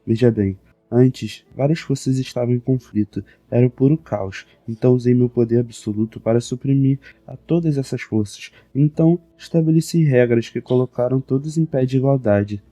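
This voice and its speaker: A man's voice: mid-range voice, moderate pace, mellow, no echo, close to an everyday voice. Haughty demon queen, read by a man. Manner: haughty, lofty. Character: proud ancient demon queen, haughty woman.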